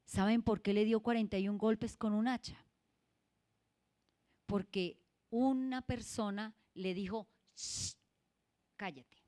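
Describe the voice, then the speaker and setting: A woman leads a church sermon at an unhurried, deliberate pace. She speaks emphatically and keeps putting questions to her listeners. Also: medium pitch, steady tone, dark tone. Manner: emphatic, calls out questions to the congregation. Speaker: church leader preaching.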